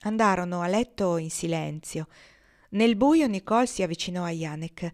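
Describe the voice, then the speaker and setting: A woman reading a novel aloud in a measured, expressive way. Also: fairly low pitch. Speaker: audiobook reader.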